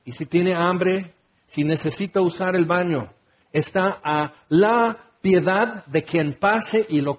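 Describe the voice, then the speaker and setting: Predicador masculino de voz aguda, enérgico, que imita voces en su sermón; sonido apagado. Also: male voice, a little high, muffled recording. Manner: animated, acts out quoted voices, shouts exclamations. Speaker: preacher. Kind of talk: sermon.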